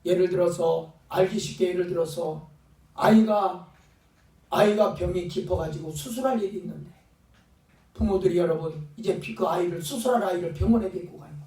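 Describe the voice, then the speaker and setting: A man's voice: high-pitched, normal speed, mellow. A male pastor preaching a fervent sermon, sometimes acting out pleading voices. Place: church sanctuary. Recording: echoey church sound from a distant mic.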